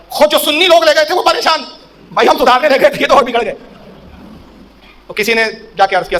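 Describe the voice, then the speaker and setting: A man's voice: sits high, fairly bright tone, slight background noise. A man preaching a sermon in a storytelling way, acting out quoted speech with a raised voice.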